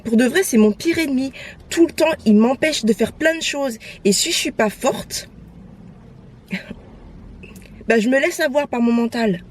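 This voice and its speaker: A young woman vlogging casually from her phone while out and about, animated and outspoken, slipping between French and English. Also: sits high, unhurried, pauses often, a little hiss or hum. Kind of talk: casual vlog chat.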